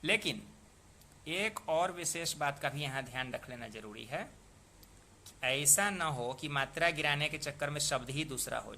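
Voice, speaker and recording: Bright-voiced man patiently teaching poetic meter. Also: medium pitch, vocal fry, slight background noise. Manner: patient, repeats and sounds out words slowly. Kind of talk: explanatory lesson.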